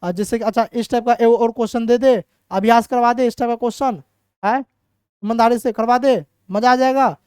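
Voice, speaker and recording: A man's voice: very high voice, fairly even intonation, moderate pace, darkish tone, clean tone, no room sound, studio quality. Chatty male tutor. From Bihar, India. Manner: chatty, asks rhetorical questions and answers himself. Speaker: teacher. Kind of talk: exam-prep reasoning lesson.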